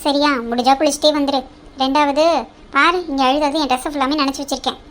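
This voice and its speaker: A woman voicing a bossy elder sister-in-law in a cartoon drama, brisk and teasing, with a scheming side. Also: high-pitched, little pitch movement, a bit bright.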